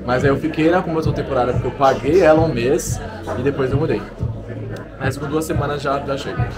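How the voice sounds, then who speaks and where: Loud music plays behind this Brazilian exchange student from Minas Gerais, who speaks fast in a mid-range voice. Chatty and self-mocking, he jokes through a casual pub interview about living abroad, indoors.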